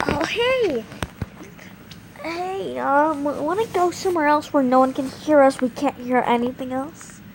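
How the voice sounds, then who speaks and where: A woman's voice: a little slow, background noise. Woman putting on a giggly psychopath wolf pup. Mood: coaxing. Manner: high, loud, mocking and giggly.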